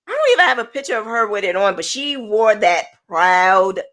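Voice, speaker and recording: A woman's voice: medium pitch, brisk. A woman, chatting casually as a guest and often laughing as she tells stories. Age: 40s. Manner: laughs often, animated storytelling. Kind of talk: casual chat.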